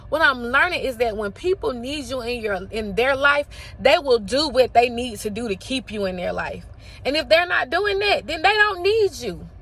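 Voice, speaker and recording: Bright, high-pitched woman giving impassioned encouragement. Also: animated, moderate pace. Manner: impassioned, emphatic, repeating phrases for effect. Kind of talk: emphatic motivational talk.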